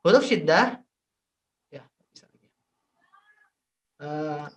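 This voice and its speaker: A man with an Indonesian accent teaching Quran recitation in an online class, explaining slowly with many fillers and repetitions over a video call. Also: fairly high pitch, expressive.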